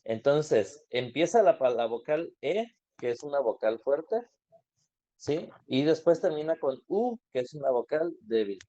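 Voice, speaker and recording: A man's voice: mid-range voice, mellow. Man teaching an online class. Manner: patient explaining, asks students questions. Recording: dull lo-fi online class audio.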